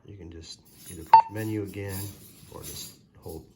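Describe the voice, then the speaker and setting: There's loud background noise and vehicle ambience as a man with a low voice casually demonstrates a product hands-on. As a product reviewer he's plainspoken and folksy, talking at normal speed with fairly even intonation.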